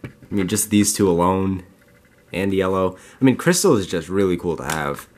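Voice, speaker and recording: A young man with a raspy, just-woken-up voice, rambling casually as a vlogger showing off his games. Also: low-pitched, animated, moderate pace, a little mellow, a little hiss or hum. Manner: rambling, loose, lots of "like". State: just woke up, groggy. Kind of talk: casual unboxing chat.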